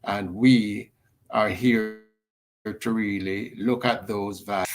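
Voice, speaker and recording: A man speaking as a panel guest over a video call whose internet audio keeps cutting out, slow and hesitant with many fillers. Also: lowish voice, fairly even intonation. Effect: choppy, cutting-out internet call audio. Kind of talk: formal remarks on a video call.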